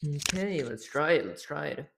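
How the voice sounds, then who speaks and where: A man livestreams his game development work, murmuring casually to himself at a normal speed. His slightly high voice is gravelly and strained, he feels lightheaded, and the audio is rough.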